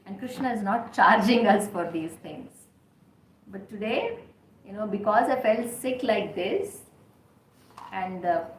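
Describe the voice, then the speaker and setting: A woman's voice: medium pitch, darkish tone, slight background noise. A woman giving a spiritual talk to a group, speaking conversationally and often asking her listeners rhetorical questions. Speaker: devotional speaker. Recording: roomy hall recording.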